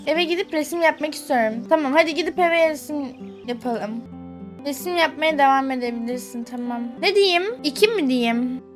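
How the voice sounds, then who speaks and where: A young woman gaming streamer with a high voice does casual let's play commentary, reading the game's text aloud over faint game music. She is emotional and quick to exclaim, swearing at the game and close to tears.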